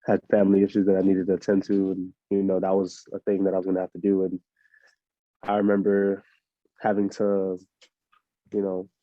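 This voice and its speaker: A young man from Miami, a fighter answering interview questions in a relaxed, rambling way full of fillers. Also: sits low, brisk, pauses often, dry recording. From Miami, USA. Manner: laid-back, rambling with many fillers. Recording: muffled lo-fi audio.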